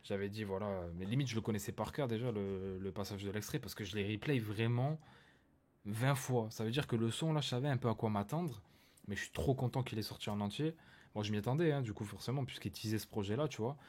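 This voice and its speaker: A man with a fairly low voice reacts to a new track, talking loosely with plenty of fillers and restarts. He gets excited and calls out to his viewers. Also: fast. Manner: chatty, hesitant with fillers, hypes up viewers. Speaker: reaction video host. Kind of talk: casual reaction commentary.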